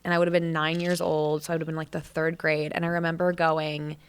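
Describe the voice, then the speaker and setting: A woman in her late twenties, a podcast guest, telling stories in a lively, laughing way and acting out quotes. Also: deep voice, fast, smooth. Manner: animated storyteller, laughs often, acts out quotes. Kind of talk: casual chat.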